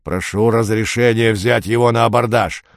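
A man voicing a fierce, gruff two-headed male space pirate in a muffled voice. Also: fairly low pitch, fairly even intonation, normal speed, dry recording, studio quality. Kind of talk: audiobook reading.

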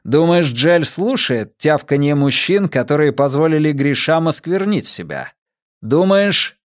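A man's voice: on the high side, very animated, unhurried, dry recording, clean studio sound, voice pushed up. A man voicing a cruel young male soldier who taunts his captives in an audiobook. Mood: sneering. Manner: taunting, sneering. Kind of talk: audiobook character voice.

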